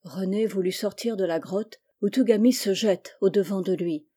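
Woman audiobook narrator, measured literary reading, mellow tone. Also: medium pitch, slightly rough.

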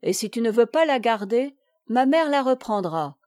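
Woman doing a gentle young lady of the house, hushed, coaxing, soothing, fairly high voice, dry close sound, audiobook. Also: expressive, normal speed, no echo, close to an everyday voice.

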